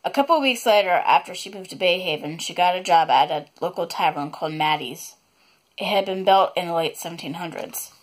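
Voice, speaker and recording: A woman reading a chapter of her own novel aloud, unedited, stopping now and then to apologize for slips and add asides. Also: on the low side.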